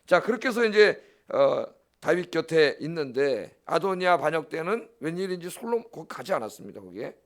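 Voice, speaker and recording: A man's voice: a little high, sing-song, brisk, few pauses. A middle-aged man, a pastor preaching a dawn service sermon in an emphatic, blunt way, often checking in with the congregation. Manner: blunt, scolding asides.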